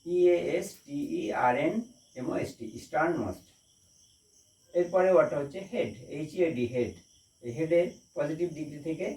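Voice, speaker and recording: A man's voice: on the high side, darkish tone. A man teaching a grammar lesson in Bengali who spells each English word letter by letter and then repeats it. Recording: echoey room, voice from a distance.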